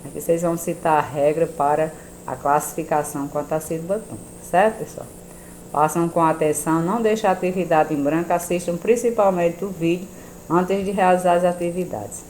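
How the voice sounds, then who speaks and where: A Brazilian woman teacher giving a recorded video lesson, sounding out words slowly syllable by syllable and often checking in with "né?". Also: lowish voice, steady tone, a little mellow, a little hiss or hum, poor audio. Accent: Brazilian Portuguese. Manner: slow, deliberate syllable-by-syllable pronunciation with frequent "né?". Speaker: primary school teacher.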